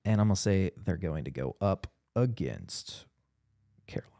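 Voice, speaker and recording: Lively low-voiced man teasing on a podcast. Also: creaky. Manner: animated, teasing, quick to cheer or boo. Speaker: podcast co-host. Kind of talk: casual sports talk.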